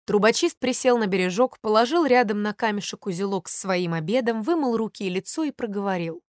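A woman narrating a fairy tale in a calm, even storybook reading. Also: medium pitch, a little fast, no echo, clean studio sound.

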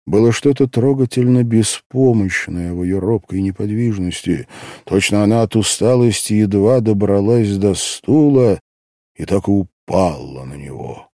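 A man reading a literary story aloud in the first person, with an expressive, emotional delivery. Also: fairly low pitch, measured pace, no echo, clean studio sound. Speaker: audiobook narrator.

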